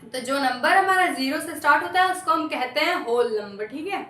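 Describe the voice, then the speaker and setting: Young female tutor, high voice, friendly coaxing patter, recorded in an echoey room. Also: animated, brisk, pushed and bright. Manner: chatty, coaxing, repeats promises and guarantees. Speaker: maths teacher. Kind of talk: casual online lesson.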